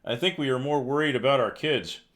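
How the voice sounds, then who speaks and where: Bright-voiced sarcastic male news streamer. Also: mid-range voice, a little fast. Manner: sarcastic, reads headlines then riffs with exasperated asides. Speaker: livestream news commentary host. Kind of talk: casual live news commentary.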